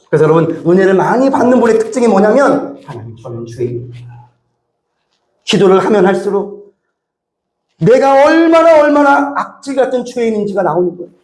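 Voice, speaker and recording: A male pastor preaching a sermon, acting out prayers and pleas in an animated way. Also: high-pitched, echoey room. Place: church sanctuary.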